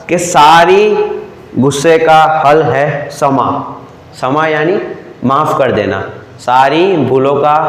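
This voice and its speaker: A young man with a Gujarati accent, teaching a class and often repeating himself with quick "क्या?" checks. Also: on the high side, echoey room, low-quality recording. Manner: repetitive, keeps asking the class "क्या?" then repeats the answer. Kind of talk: classroom lecture explaining a chapter.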